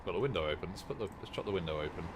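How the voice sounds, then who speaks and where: Male streamer, casual and sweary, lively low voice, faint game noise underneath. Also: rapid-fire. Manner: chatty, swears, self-mocking, talks to viewers. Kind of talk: casual live-stream commentary.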